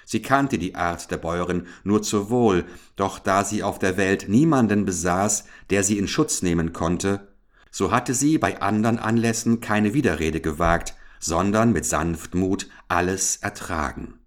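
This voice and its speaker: A man reading a children's fairy tale aloud in a calm, old-fashioned storytelling manner. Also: low voice, a little slow. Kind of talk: scripted fairy tale narration.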